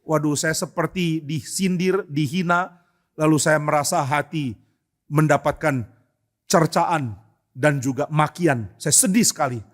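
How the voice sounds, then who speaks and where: A man's voice: fairly high pitch, a little slow. A male pastor preaching a sermon in church, asking rhetorical questions and acting out quotes with emphasis.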